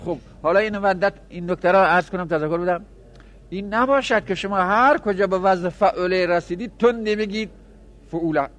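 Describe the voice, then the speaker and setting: A man teaching a grammar lesson to seminary students, chanting example words slowly and then explaining them in quick asides. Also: high voice, fairly bright tone. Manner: addresses students directly, with small laughs. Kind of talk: classroom lecture on Arabic grammar.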